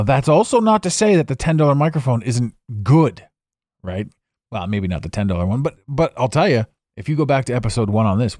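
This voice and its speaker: A man hosts an impromptu solo podcast from his home studio, rambling and reflective and often restarting. His voice is on the low side with a darkish tone, recorded on a studio microphone with no echo.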